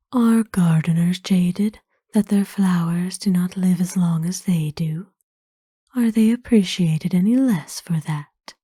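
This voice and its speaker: A woman performs a whispered ASMR roleplay as a kind, ancient aristocratic vampire lady, using formal, soothing, wistful phrasing. Her soft, breathy whisper sits fairly low in pitch, captured as clean studio sound with no echo.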